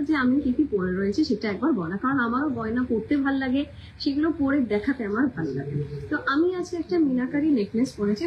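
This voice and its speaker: Chatty high-voiced Kolkata Bengali woman. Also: dull audio, slight background noise. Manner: chatty, repeats every weight and price twice. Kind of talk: casual live-stream sales chat.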